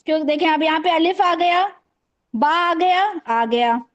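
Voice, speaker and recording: High-voiced woman teaching an online class. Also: highs cut off. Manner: patient, questioning, repeats terms slowly. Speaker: online Arabic grammar teacher. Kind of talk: online class lesson, quizzing students. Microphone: video call microphone.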